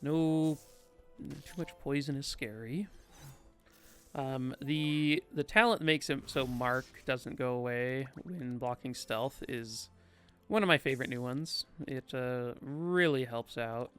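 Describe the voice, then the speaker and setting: A young man giving casual, unhurried commentary while playing a game, tired and yawning, thinking aloud with many pauses and fillers. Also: mid-range voice, a bit bright, clean tone, faint music behind. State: sleepy. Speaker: gaming streamer.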